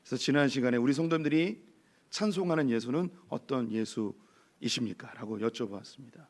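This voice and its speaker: A male pastor with a hoarse voice preaching a sermon in church, lively and peppered with rhetorical questions to the congregation. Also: medium pitch, fairly quick. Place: church sanctuary.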